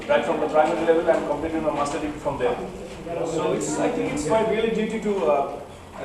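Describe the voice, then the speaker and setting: Echoey, high-pitched man with a Bengali accent, nervous. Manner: halting, repetitive, earnest. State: nervous, shaking. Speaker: speaker addressing an assembly. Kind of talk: impromptu public speech. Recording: very echoey, distant mic, noisy background.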